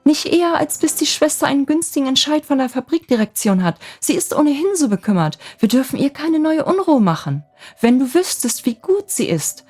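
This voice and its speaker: A woman narrator voices a lovestruck young girl from a storybook in a high, lively voice, pleading coyly and a bit breathlessly. She sounds teasing and tender but quick to get flustered, speaking a little fast with an anxious, pleading mood.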